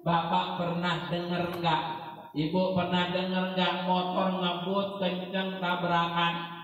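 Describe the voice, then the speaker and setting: A high-pitched male preacher delivers a lively, joking sermon and keeps prodding the congregation with questions. His voice rings through a big echoing hall with a long reverb tail. He sounds set back from the mic. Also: slow, lo-fi sound. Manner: animated, teasing the congregation with questions. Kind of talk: humorous sermon at an akikah gathering. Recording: echoey hall, mic heard from a distance.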